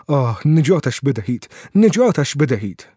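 A man's voice: medium pitch, big pitch swings, dark tone, husky, no echo, studio quality. A man voicing a terrified countess pleading. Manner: pleading, frightened. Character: terrified aristocratic countess, older woman. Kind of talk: audiobook character reading.

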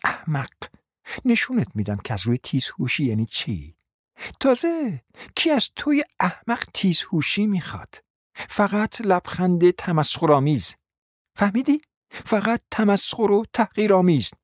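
A man's voice: wildly swooping pitch, breathy edge, no echo, clean studio sound. A man voicing a domineering, scornful middle-aged woman who barks orders and insults at her husband in an audiobook reading. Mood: contemptuous. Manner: shrill scolding, sharp commands and insults.

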